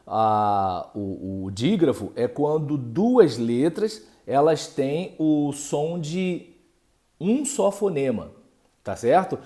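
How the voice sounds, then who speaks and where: A man teaching a grammar lesson, speaking haltingly with many fillers and checks, and sounding out syllables and letters. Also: mid-range voice, dark tone. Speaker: Portuguese language teacher.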